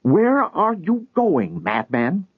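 A man voicing a scornful, sharp-tongued wife who mocks and scolds her husband, in a storybook reading. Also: mid-range voice, very animated, a little slow, husky, no echo. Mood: mocking. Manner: mocking, scolding. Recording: tinny phone-like sound.

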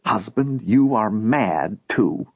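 A man voicing a scornful, sharp-tongued wife who mocks and scolds her husband, in a storybook reading. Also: on the low side, animated, takes it slowly, slightly rough, no room sound, full character voice. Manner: mocking, scolding. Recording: tinny phone-like sound.

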